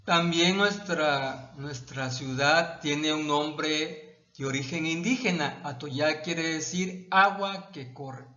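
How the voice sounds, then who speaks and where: A male Mexican history teacher explaining a textbook lesson to his students, pausing and restarting his phrases. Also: a little high, sharp tone. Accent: Mexican Spanish. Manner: halting, repeats words and restarts, addresses students as "jóvenes". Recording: echoey, dull lo-fi room sound.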